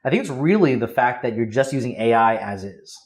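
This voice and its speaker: A man speaking as a guest on a podcast, a copywriter explaining his methods in casual, high-energy interview talk. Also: lively intonation, a little fast.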